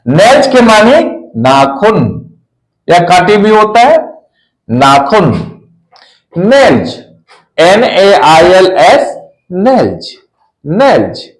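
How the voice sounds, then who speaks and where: A man teaching an English pronunciation lesson, repeating every word slowly and spelling it out letter by letter. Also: high voice, sing-song, roomy sound, poor audio.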